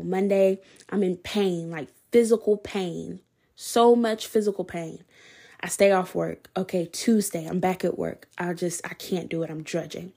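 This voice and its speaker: A woman's voice: mid-range voice, darkish tone. A woman hosting a podcast, candidly telling her personal faith testimony in a conversational, preacherly way. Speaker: podcast host.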